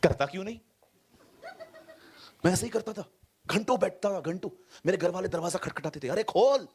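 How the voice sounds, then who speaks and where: A male pastor preaches a sermon to a congregation in a church hall, animated and swinging between loud and soft while mixing English words into his speech. His voice is high-pitched, gravelly, and husky, and he talks fairly quickly.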